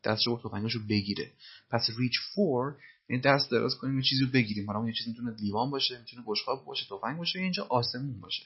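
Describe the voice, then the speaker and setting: A man's voice: mid-range voice, husky, muffled recording. A man teaching English through film lines, explaining phrases patiently and methodically. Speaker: language teacher.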